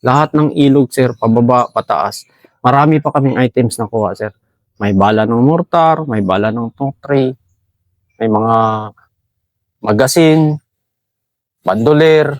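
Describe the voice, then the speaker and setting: A man's voice: medium pitch, a little slow, long pauses, no room sound. A middle-aged Filipino man, a special forces team sergeant, recounting a combat story respectfully and calling his interviewer "sir" at nearly every phrase. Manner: deferential, says "sir" constantly.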